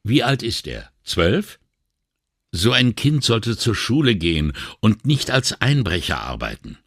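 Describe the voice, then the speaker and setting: A man performs a weary, indignant middle-aged police inspector for an audiobook, sighing, exasperated and morally upset in a heavily acted delivery pitched above his natural voice. The voice is fairly low, a bit bright and very animated at a measured pace, recorded dry with clean studio sound.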